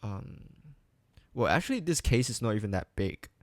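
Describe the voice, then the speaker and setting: A man's voice: on the low side, very animated, moderate pace, dry recording. A man live coding and thinking aloud, hesitant and full of ums and restarts, making light fun of his own mistakes. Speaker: coding streamer.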